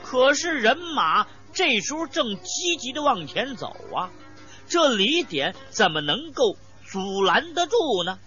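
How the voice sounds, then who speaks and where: A woman telling an old war tale in a traditional storyteller's manner, dramatic and emphatic. Her delivery is slow and swoops widely in pitch, with a bright tone. Faint music plays behind a slightly dull recording. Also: sing-song. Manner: dramatic, emphatic, with sound words.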